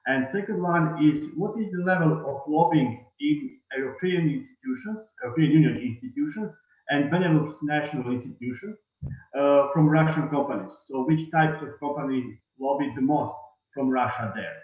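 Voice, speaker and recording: A man's voice: a little high, moderate pace. A man from Croatia with a Croatian accent, asking formal questions as an audience member. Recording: tinny, echoey call from far off mic.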